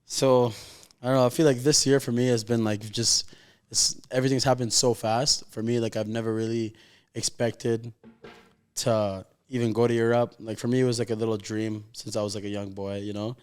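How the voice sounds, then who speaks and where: A man in his 20s, a pro footballer raised in Calgary, is interviewed and talks casually and sincerely, leaning on slang and the word "like." His mid-range voice is clean and a little mellow, at a normal speed with little pitch movement.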